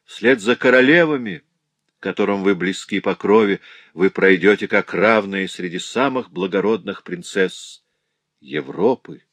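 A man's voice: sits low, measured pace, a bit bright, dry recording, full character voice. A man voicing a noble prince, a grieving and overjoyed middle-aged father, speaking in an impassioned, exclaiming way.

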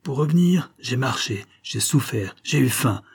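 A man voicing a burly, hoarse peasant who rants with hatred and threatens to kill. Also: medium pitch, animated, a little slow, pitched above the performer's own voice, heavily acted. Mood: furious. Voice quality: hoarse, harsh. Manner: ranting, menacing, shouting curses. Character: hoarse vengeful rough male peasant, burly, full of hatred.

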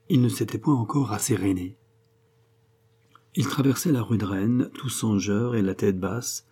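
A man reads a classic novel aloud in a measured, even style. His voice is low, dark and husky. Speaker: audiobook narrator. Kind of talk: scripted narration.

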